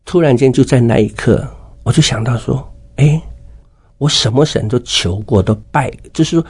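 Gravelly husky middle-aged man telling his story. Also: mid-range voice, normal speed, darkish tone. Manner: emotional storytelling that acts out dialogue. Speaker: interview guest. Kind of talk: personal faith testimony.

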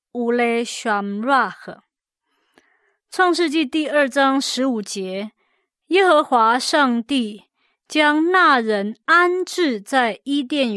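A woman teaching a Bible word study, explaining slowly and carefully, repeating key words and adding gentle fillers as she goes. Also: high-pitched, no room sound, clean studio sound. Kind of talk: scripted word-study lesson.

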